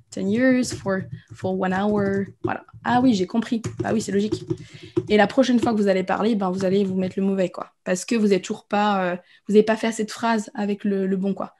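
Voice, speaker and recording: Young adult female English teacher, casual and encouraging, mellow voice. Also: mid-range voice. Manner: casual, encouraging, chatty explanations. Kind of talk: live online English lesson.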